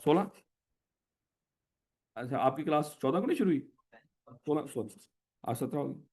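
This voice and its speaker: A male teacher with a Pakistani Urdu accent lectures a classroom of students, firing the same question again and again. His voice sits a little high, and he teases the class with fond, joking scolding. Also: animated, moderate pace, darkish tone. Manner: repetitive questioning, affectionate and teasing.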